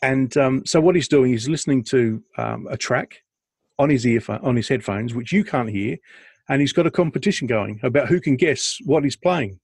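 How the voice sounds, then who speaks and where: A man's voice: medium pitch, normal speed, vocal fry, a little mellow, husky, no room sound. A chatty man with a middle-range voice, telling stories on a podcast with a self-deprecating humor. The sound is dry and close, with no room around it. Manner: chatty storyteller, self-deprecating, laughs a lot. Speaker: podcast co-host. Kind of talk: casual chat on a video call.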